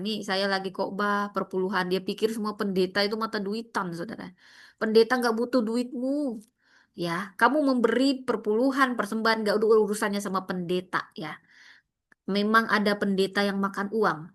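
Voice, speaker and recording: A woman's voice: on the high side, a bit bright. A woman pastor, preaching a sermon in an impassioned, scolding way full of rhetorical questions.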